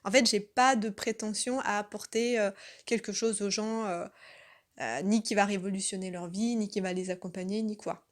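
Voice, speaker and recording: A woman from France talking spontaneously in an unscripted monologue, earnest and reflective, with many pauses and self-corrections. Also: mid-range voice, fairly even intonation. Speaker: channel host.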